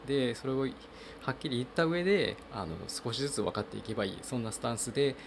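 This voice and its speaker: Talking quickly at a medium pitch over a noisy background, this man is a podcast host from Kochi, Japan. He has a Tosa dialect accent and hesitates throughout his casual solo talk, with frequent fillers and restarts.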